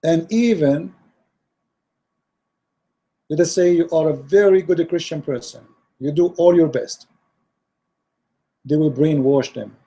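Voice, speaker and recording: An online religious debater gives closing remarks directly to his viewers in a hoarse, dark, husky voice, since he's losing his voice. His pitch is on the high side, and he speaks slowly with frequent pauses. He comes across as earnest and repetitive, with many fillers and restarts.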